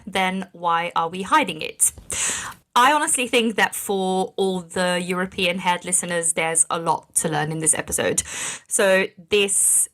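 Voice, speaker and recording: A woman's voice: mid-range voice, fairly bright tone. A woman in her thirties co-hosting a podcast, chatting earnestly and laughing often. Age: 30s. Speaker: podcast co-host. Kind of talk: casual podcast chat.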